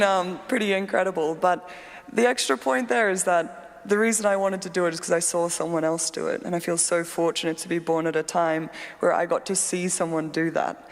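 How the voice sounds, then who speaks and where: A woman, a panel guest telling her story in an eager, animated way. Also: on the low side. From Malawi, then Australia. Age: 20s. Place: large hall with a live audience. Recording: reverberant hall.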